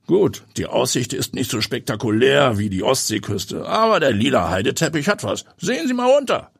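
Man playing a bold pilot and reporter, brisk and sure of himself, slightly husky, dry. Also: mid-range voice, dry recording, voice pushed up, exaggerated voice. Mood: confident. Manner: brisk, energetic, self-assured. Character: confident, daring male journalist and pilot. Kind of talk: audiobook character voice.

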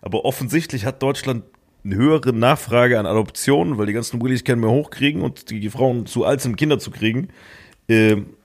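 A man co-hosting a podcast, firing off crude, mocking comebacks. He talks fast and rattles his words off quickly. His voice stays at an ordinary pitch. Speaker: podcast co-host. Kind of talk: casual comedic banter.

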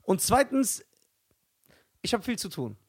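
A man's voice: high voice, very animated, unhurried, slightly rough. A young man co-hosting a casual podcast, joking around and laughing often in loose banter. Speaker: podcast co-host. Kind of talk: casual chat.

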